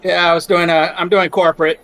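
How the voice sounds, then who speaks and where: A man's voice: sits high, little pitch movement, a little fast, fairly bright tone, smooth. A man talking over an online voice chat whose audio breaks up and cuts out suddenly, giving short, clipped replies. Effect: voice breaking up and cutting out on an online call. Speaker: gaming friend on voice chat. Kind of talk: casual chat.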